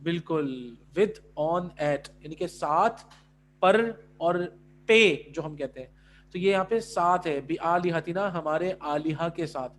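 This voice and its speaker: High-voiced male language teacher. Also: a bit bright, slight background noise. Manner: mixes Urdu and English, keeps checking understanding. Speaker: Arabic teacher. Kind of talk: online class explanation.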